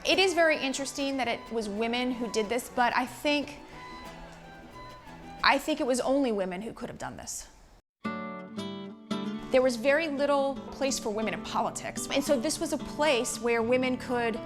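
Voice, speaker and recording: Thoughtful woman, slightly high voice. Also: moderate pace, pauses often. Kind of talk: interview commentary. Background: music.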